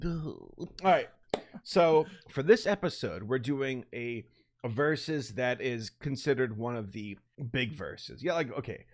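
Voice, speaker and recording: Laughing, excitable man co-hosting a podcast. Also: medium pitch, measured pace. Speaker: podcast co-host. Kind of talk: casual chat. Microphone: webcam and desk microphone.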